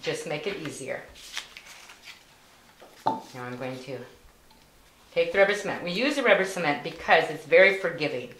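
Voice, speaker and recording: A woman with a low, deep-set voice walks through a craft project step by step, patient and plain. The sound is roomy and echoey, with a faint hiss and some clicking underneath. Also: animated, moderate pace, pauses often, a bit bright. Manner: patient, plain instructions with fillers. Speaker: volunteer instructor. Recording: echoey room with faint noise.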